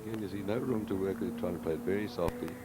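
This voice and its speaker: A man giving live golf commentary in a measured, conversational, analytical way, with a gravelly voice. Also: deep voice. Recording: very noisy outdoor broadcast sound.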